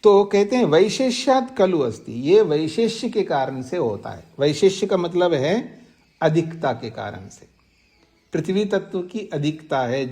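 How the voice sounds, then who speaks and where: A man teaching a class on scripture, reciting Sanskrit phrases slowly and explaining them, often asking his listeners questions. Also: on the high side, darkish tone. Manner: slow deliberate explaining, recites and repeats Sanskrit terms. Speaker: teacher of Vedanta sutras. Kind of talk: scriptural lecture. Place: ashram class.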